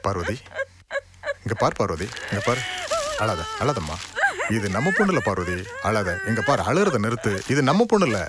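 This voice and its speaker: An actor playing a father who keeps calming his crying wife. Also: on the low side, normal speed, background noise. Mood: consoling. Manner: consoling, repetitive, pleading. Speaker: father of the missing girl. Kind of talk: film drama acting. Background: loud film score music.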